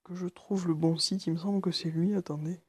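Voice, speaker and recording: A nervous man walking through a phone tutorial, speaking quietly and haltingly with many fillers. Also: sits high, steady tone, husky, no room sound. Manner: speaking quietly late at night. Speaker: tutorial maker. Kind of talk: screen-recorded phone tutorial.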